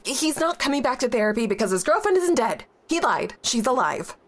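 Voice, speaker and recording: An actress in an audio drama plays a guarded, impatient young woman at a grief support group, dodging questions at first, then turning blunt and exasperated. Her voice is fairly high and fairly quick, with big pitch swings.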